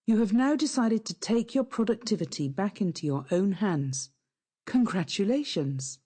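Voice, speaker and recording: A woman narrating a scripted guided hypnosis session in a calm, soothing, instructive way. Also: medium pitch, moderate pace, breathy edge.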